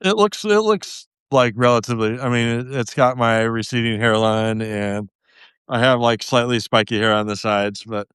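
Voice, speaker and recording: A game designer guesting on a podcast chats casually in an interview, self-deprecating and often laughing at himself. His voice is medium-pitched, moderately paced, smooth, and fairly bright, with studio-quality sound and no echo.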